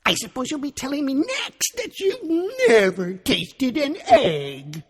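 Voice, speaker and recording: A man reading a storybook aloud, voicing a tearful, accusing female pigeon in a shrill, sobbing way. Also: wildly swooping pitch, measured pace, breathy edge, in a large hall, heavily acted. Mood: scornful.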